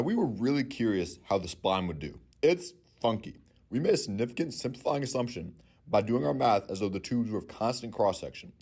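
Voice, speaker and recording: A young man narrating a scripted engineering lesson in a clear, methodical way. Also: on the low side, a little mellow. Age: young adult. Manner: clear, methodical technical explaining. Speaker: student engineering presenter.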